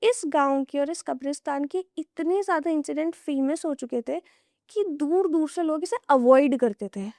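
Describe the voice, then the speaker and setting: In a mellow, high voice at a moderate pace, a young woman shares horror stories as a podcast guest, casually leading listeners through what-if situations. The recording is dry with clean studio sound.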